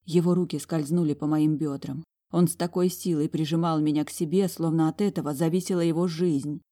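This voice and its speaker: A woman reading a first-person novel aloud as audiobook narrator, in a measured way. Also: deep voice, fairly even intonation, dark tone.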